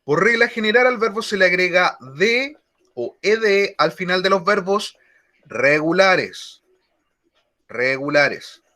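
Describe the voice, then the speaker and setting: Male teacher, bright and slightly high; slow, deliberate classroom explanation. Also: lively intonation. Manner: slow, deliberate explanation, repeats key words. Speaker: English teacher. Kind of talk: online grammar lesson.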